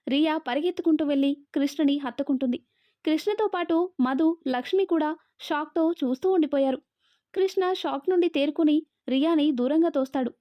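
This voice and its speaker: A woman narrating a scripted story in a steady, even way. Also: high-pitched, fairly quick, dry recording. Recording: dull, dry lo-fi audio.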